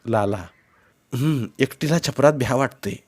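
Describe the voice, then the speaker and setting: A man voicing a timid village wife in a spoken storybook, softly complaining of fear and cold. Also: medium pitch, a little slow, close to an everyday voice. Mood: plaintive. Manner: plaintive, soft rural speech.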